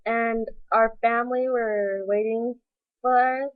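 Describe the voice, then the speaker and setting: A teenage girl telling a travel story in a slow, halting casual way. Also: fairly high pitch, steady tone, dry recording. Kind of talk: casual chat. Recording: lo-fi webcam audio.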